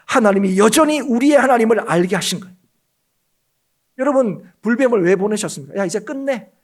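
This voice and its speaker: A man preaches a Sunday sermon in a church sanctuary. He talks fast, with a widely swinging pitch, and keeps calling out to his listeners with emphatic questions. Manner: emphatic, often addresses the congregation. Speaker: pastor.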